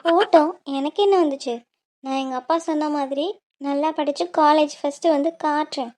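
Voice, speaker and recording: A woman voices a cheerful young cartoon girl who teases her brother. Her voice is high and chatty. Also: fairly even intonation, brisk, darkish tone, lightly acted. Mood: determined. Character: young female college student, cheerful teasing sister. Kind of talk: cartoon dialogue.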